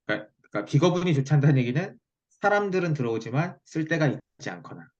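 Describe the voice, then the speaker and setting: A man teaches one-on-one, explaining point by point and checking that he is followed. His pitch moves in a lively way. The sound is dull and lo-fi, as from a video call. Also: quick pace. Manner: checks listener's understanding often. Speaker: fortune-telling teacher giving a lesson. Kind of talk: explanatory one-on-one online lesson.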